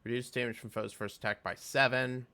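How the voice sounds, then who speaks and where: A man giving casual reaction commentary on a game, reading skill text aloud and thinking out loud with fillers. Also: mid-range voice, fairly even intonation, fairly quick. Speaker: game video creator.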